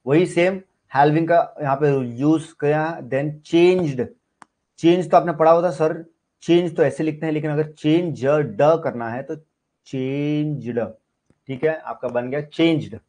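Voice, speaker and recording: A man's voice: a little high, fairly even intonation, unhurried, a little mellow. A man with an Indian accent teaching shorthand in an online class, explaining step by step and asking and answering his own questions. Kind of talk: online class lecture in Hindi-English mix.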